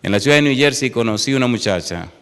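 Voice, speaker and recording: A man preaching a sermon, moving from an impassioned appeal into a softly told story with voiced quotes. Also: animated, fast talker. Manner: impassioned, loud and high at the start, then softer storytelling with voiced quotes. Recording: long hall reverb.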